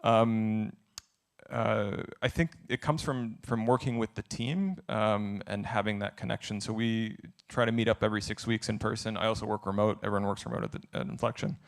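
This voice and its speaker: A man's voice: on the low side, moderate pace, vocal fry. A man answering audience questions at a conference, candid and thinking aloud as he talks. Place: conference event.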